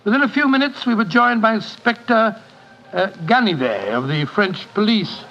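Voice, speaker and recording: An actor playing an earnest, hesitant English doctor with a British accent and a blustery, halting manner in a 1940s radio drama. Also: male voice, sits high, animated, bright, forceful tone, soft background music, heavily acted. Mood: sombre storytelling. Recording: dull, noisy 1940s radio recording.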